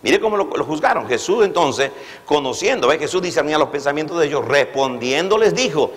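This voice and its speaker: A pastor preaching a sermon, his fairly high voice rising and falling with animation. He keeps asking the congregation questions and has them repeat after him, and his voice rings out with the long reverb of a church hall. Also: expressive, fairly quick.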